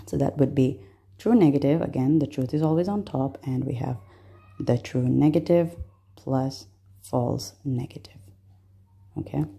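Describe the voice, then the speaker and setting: A woman's voice: extremely low pitch, measured pace, creaky, pauses often, dark tone. A woman from Bangladesh, a medical student walking through exam concepts step by step, patient, with frequent fillers.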